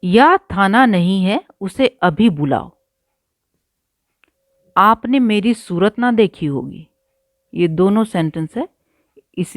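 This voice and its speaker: A woman's voice: mid-range voice, no echo, studio quality. A woman teaching a textbook lesson, going word by word and repeating terms patiently for her pupils. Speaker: Hindi teacher.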